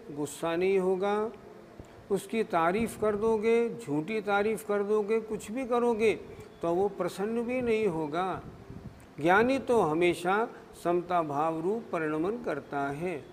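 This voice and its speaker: A man's voice: sits high, takes it slowly, long reverb tail, a little hiss or hum. A man giving a scriptural discourse as a religious scholar, explaining patiently and answering his own questions.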